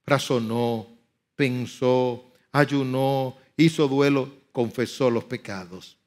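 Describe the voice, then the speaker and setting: A pastor preaching a sermon, swinging from soft murmurs to loud, high outbursts and acting out biblical speech with dramatic emphasis. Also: male voice, slow pace.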